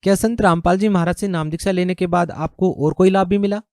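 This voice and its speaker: A man's voice: high-pitched, steady tone, fast talker, dark tone, no room sound, clean studio sound. A man asking formal, polite questions as an interviewer.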